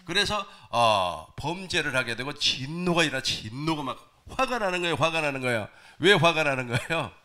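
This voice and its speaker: A male pastor preaching a sermon to his congregation, animated, asking them questions. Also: on the high side, moderate pace, few pauses. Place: church sanctuary.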